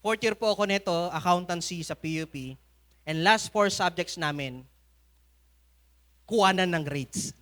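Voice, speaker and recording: Filipino preacher guy, high bright voice, jokey storytelling sermon w lots of laughs. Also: measured pace, pauses often. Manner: humorous storytelling, laughs often. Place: church service.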